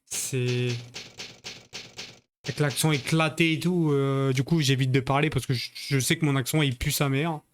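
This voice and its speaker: A man's voice: medium pitch, steady tone, moderate pace, a little hiss or hum. A man streaming a video game live, chatting with his viewers in crude, joking banter. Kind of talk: live-stream gaming commentary.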